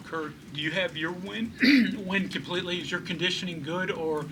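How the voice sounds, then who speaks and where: A sports reporter asking brief, informal questions at a postgame press conference. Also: male voice, sits high, normal speed, noisy background.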